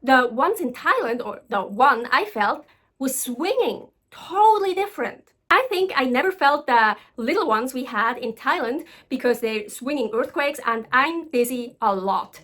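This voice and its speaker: A woman's voice: high voice, lively intonation, measured pace, fairly bright tone. A woman from Switzerland telling casual stories to camera as a vlogger, chatty with many ums and restarts. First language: Swiss German.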